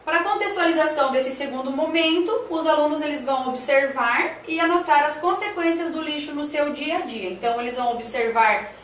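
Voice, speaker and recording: A woman's voice: high voice, fairly quick, echoey room, recorded from a distance, slight background noise. A woman teacher talking through a classroom lesson plan, hesitant, with many fillers and tag questions.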